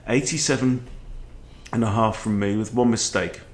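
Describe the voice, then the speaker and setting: A man's voice: fairly low pitch, steady tone, moderate pace, slight background noise. A man in his forties giving casual chess game commentary in a conversational way, often checking in with short questions. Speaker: chess video host. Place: book-lined room at home, indoors.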